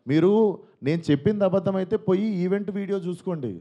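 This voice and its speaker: Fast-talking man pleading with reporters. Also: high-pitched, mellow, muffled recording. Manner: earnest and pleading, repeats himself. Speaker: film actor at a press meet. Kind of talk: defensive press conference answers.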